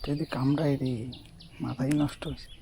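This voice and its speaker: A man's voice: medium pitch, little pitch movement, brisk, creaky, dark tone, a little hiss or hum. A man fishing by a river, chatting casually to the camera as he shows each catch. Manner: chatty, shows off each catch, asks "ঠিক আছে?" often. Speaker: fishing vlogger. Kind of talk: casual outdoor vlog narration. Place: outdoors by a river among rice fields.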